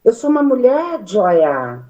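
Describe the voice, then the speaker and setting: Brazilian woman, unhurried, dark warm tone, restarts a lot. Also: a little high, low-quality recording. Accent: Brazilian Portuguese. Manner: animated, gesturing, many fillers and restarts. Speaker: study group participant. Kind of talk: spoken reflection in a study meeting.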